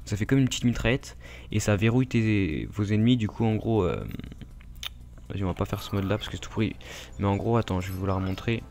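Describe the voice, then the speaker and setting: A man's voice: on the low side, quick pace, darkish tone. A man with a French accent giving casual, rambling gameplay commentary, full of fillers and asides to his viewers. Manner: rambling, filler-heavy, addresses viewers directly. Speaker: gaming YouTuber.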